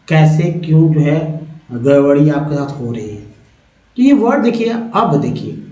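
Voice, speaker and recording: Indian male teacher, high-pitched and unhurried, drawing out each syllable as he spells. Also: darkish tone, reverberant, lo-fi sound. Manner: repeats words slowly, syllable by syllable. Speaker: English teacher. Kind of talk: classroom spelling lesson.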